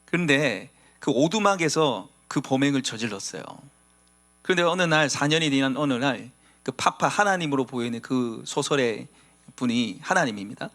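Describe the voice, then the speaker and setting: A man's voice: mid-range voice, animated, normal speed, a bit bright. A man preaching a sermon as pastor, speaking emphatically and acting out quoted lines.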